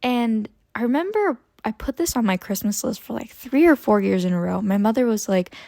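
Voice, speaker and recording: A young woman in her twenties chatting casually about her book haul, expressive and prone to tangents. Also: on the high side, a little fast, creaky, no room sound. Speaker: book vlogger. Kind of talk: casual chat about books.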